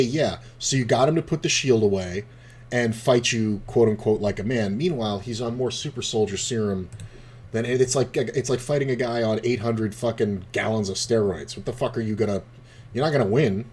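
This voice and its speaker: A man's voice: mid-range voice, normal speed, darkish tone, slightly rough. A man streaming online poker, chatting casually with a rambling, profane, laid-back storytelling manner. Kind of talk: casual commentary while playing online poker.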